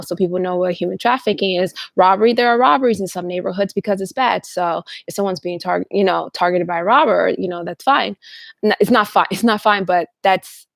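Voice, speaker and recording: A woman with a gravelly, fry-laden voice talks in a rambling, casual monologue and often restarts her sentences. The recording is dry and close, with no room sound. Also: lowish voice, no room sound. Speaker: channel host.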